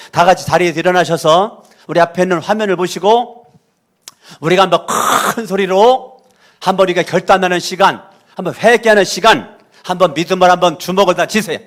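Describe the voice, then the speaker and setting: A man pastor preaching a sermon, fervent, dropping low and then leading shouted prayers. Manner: leads the congregation in loud shouted prayers; fervent, preaching with dramatic drops and rises in volume.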